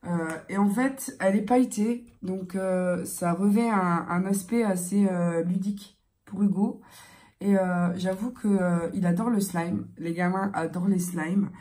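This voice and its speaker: A young woman chatting casually in a beauty vlog, halting and hesitant, her voice thick, congested and strained from tonsillitis and a sore throat. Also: lowish voice, fairly even intonation, warm tone. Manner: hesitant, halting, searching for words. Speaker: beauty vlogger.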